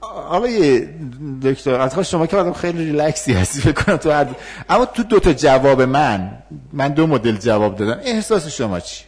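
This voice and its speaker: A man teaching a communication workshop, talking in a lively, questioning way with many fillers. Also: fairly high pitch, hardly any pauses. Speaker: workshop trainer. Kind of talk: interactive communication lesson.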